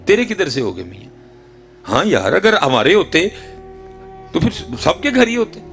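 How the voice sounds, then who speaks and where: A middle-aged man preaching a sermon with a Punjabi accent. He swings between loud exhortation and hushed near-whispers, and keeps addressing his listeners as "Hazrat ji". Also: on the high side, huge pitch swings, faint music behind. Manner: addresses the audience repeatedly as "Hazrat ji". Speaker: religious preacher.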